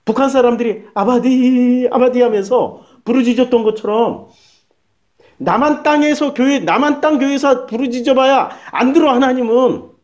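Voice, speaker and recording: A male pastor preaching a sermon in a lively, colloquial way, firing off rhetorical questions. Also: very high voice, normal speed. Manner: animated, colloquial, rhetorical questions, acts out prayers.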